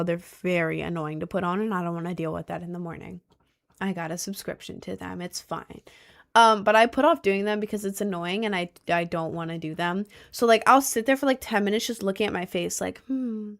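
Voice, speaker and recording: A woman's voice: on the low side, steady tone, brisk, gravelly. A young woman from the United States chatting casually on a livestream at her home desk, rambling with lots of ums and likes. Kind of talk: casual stream chat.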